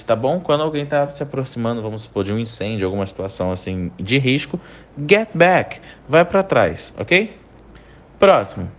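A man with a Brazilian Portuguese accent teaching an English lesson, saying each phrase slowly and checking in with his students. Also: mid-range voice. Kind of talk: online language lesson.

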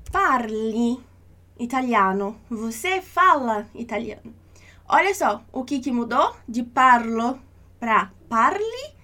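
High-voiced patient woman teacher. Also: pushed and bright. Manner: patient, reassuring, repeats examples slowly. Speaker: language teacher. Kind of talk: online lesson.

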